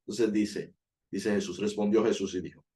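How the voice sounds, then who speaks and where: A man's voice: fairly low pitch, steady tone, normal speed, warm tone. A man giving an earnest Bible study sermon, explaining each point and lifting his voice on key words. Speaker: Bible teacher.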